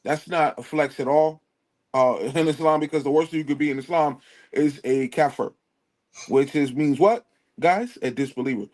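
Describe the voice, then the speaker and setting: Appearing as a guest on a live online panel, a man with a fairly high, slightly mellow voice argues his position in a casual debate. He often cuts in, apologizes, and then presses his argument.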